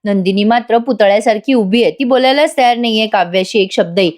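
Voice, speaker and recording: A woman narrates a voice-over review of a TV serial episode, chatting directly to her viewers. Her voice sits a little high, lively and conversational. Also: fairly quick.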